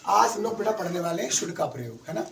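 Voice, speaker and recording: A man's voice: high-pitched, big pitch swings, fast, creaky, background noise. Guy teaching a class, quizzes the kids, heard from far off in an echoey room. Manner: quizzing pupils, calls them beta. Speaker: English teacher. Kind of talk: classroom lesson. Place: classroom with pupils.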